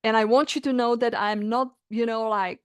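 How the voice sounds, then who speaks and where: Her voice is a little high, with a steady tone, clean sound, and normal speed, in a dry recording. A middle-aged Czech coaching client, she gives a reflective personal testimony, searching sincerely for heartfelt words about something she lived through.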